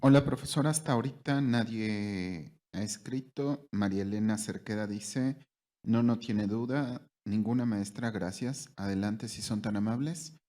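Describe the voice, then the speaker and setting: A man's voice: lowish voice, measured pace, dark tone. A man with a Mexican accent moderating an online class, politely relaying comments from the chat to the teacher.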